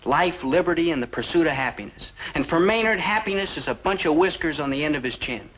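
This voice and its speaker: A young actor playing an eager, earnest army private in a 1960s sitcom. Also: male voice, a little high, expressive, a little fast, a bit bright, rough recording. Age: young adult. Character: earnest young soldier defending a buddy.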